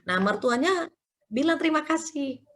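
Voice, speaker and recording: A woman's voice: high voice, expressive, normal speed, fairly bright tone. Chatty woman giving a religious talk. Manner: chatty storytelling, acting out short quotes; frequent tag fillers. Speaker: Islamic religious teacher. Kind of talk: conversational religious study talk.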